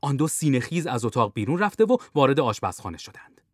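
Man narrating a spy audiobook, animated storytelling, dry studio sound. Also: medium pitch, dry recording. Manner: lively, expressive storytelling.

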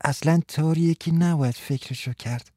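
A man's voice: fairly high pitch, dark tone, no echo, clean studio sound, lightly acted. A man voicing an anxious, lovesick young shop clerk in an audiobook, earnest and fretful. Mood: pleading. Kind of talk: audiobook character reading.

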